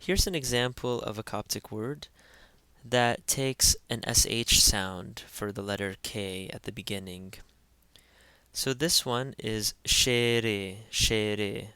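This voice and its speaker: A man narrates a pronunciation lesson in a slightly low, bright and forceful voice. His tone is smooth and crisp, recorded dry and close with no room sound. He spells out sounds patiently and repeats each word slowly. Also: dry recording. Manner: slow, careful spelling-out of sounds with repeated words. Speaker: language teacher. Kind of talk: instructional voice-over.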